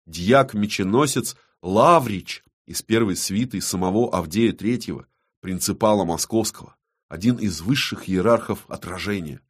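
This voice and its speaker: A man narrating an audiobook in an even, measured reading. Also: fairly low pitch, breathy edge.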